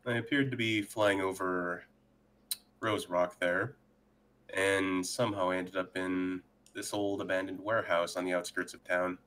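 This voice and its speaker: A man speaking in character at a tabletop game with a very low voice. Dry and matter-of-fact, with a deadpan delivery. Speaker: player. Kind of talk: in-character tabletop role-play.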